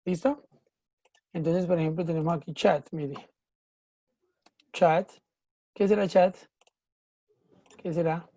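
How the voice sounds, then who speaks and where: A woman teacher talks through a lesson in an online class. Her voice sits low and mellow and sounds close and dry. She keeps checking that her students follow along. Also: steady tone, slow pace, long pauses, no echo. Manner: patient, checks understanding often with "¿sí?" and "¿listo?". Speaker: English teacher.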